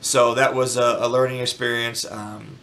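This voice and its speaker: A man's voice: mid-range voice, level tone, moderate pace, gravelly, a bit bright. A man talking to camera in a casual vlog recap, rambling with many ums and restarts, sleep deprived. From Arizona, US. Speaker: gaming video creator.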